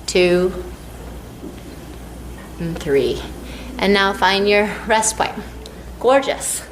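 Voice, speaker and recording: Her mid-range voice guides a hands-on massage class as she counts strokes and keeps the students' spirits up. The echoey room carries slight, faint background noise.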